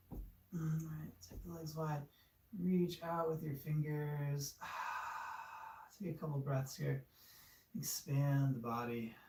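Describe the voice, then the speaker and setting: A man guiding a yoga class, giving relaxed, encouraging cues with casual fillers. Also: fairly high pitch, vocal fry. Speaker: yoga instructor. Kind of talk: guided yoga class instruction. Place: studio room. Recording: echoey room, far from mic.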